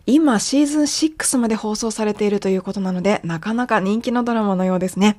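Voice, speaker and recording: A woman's voice: mid-range voice, a little mellow. Japanese woman teaching English phrases. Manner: explanatory, models English phrases slowly. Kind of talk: English lesson podcast.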